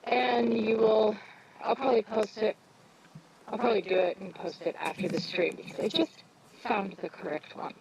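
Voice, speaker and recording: A woman's voice: medium pitch, fairly even intonation, moderate pace, background noise. A woman co-hosting a stream in rambling, casual chat on her phone, her voice muffled with a whooshing sound like she is talking into a fan. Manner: rambling, with many fillers. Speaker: stream co-host and audiobook narrator.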